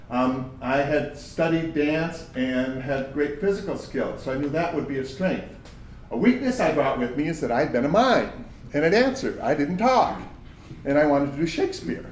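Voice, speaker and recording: A man with a big, fairly high voice leads a workshop for job seekers, speaking plainly and conversationally and drawing on examples from his own career. The mic sits well away from him, giving a roomy, distant sound over a faint steady hum.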